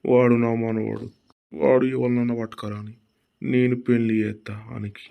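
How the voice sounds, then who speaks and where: A man voicing a lusty old village grandfather in a cartoon, speaking in a low, drawling way. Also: level tone, moderate pace, creaky, highs cut off, lightly acted. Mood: scheming. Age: older. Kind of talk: cartoon voice acting.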